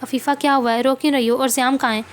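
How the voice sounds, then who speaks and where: Woman reading as a caring lady friend, soothing and reassuring, higher voice. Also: fairly even intonation, racing, lightly acted. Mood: concerned. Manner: comforting, concerned. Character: kind concerned woman, the mother's friend. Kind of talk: novel reading.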